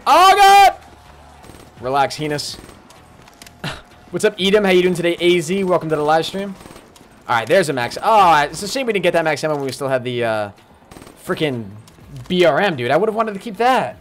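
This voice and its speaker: A man commentating his live game stream, chatting along and greeting viewers by name with sudden excited outbursts. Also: fairly high pitch, moderate pace, pauses often, a little hiss or hum.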